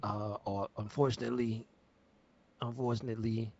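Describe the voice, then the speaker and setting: A man co-hosting a podcast in casual chat, easygoing and hesitant with drawn-out phrases. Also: fairly low pitch, flat delivery, darkish tone, a little hiss or hum. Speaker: podcast co-host. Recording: dull lo-fi podcast audio.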